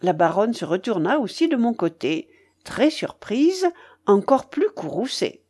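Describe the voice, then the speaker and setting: Slow, mellow woman reading a novel. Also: mid-range voice, slightly rough. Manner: measured, expressive storytelling. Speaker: audiobook narrator. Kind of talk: literary audiobook narration.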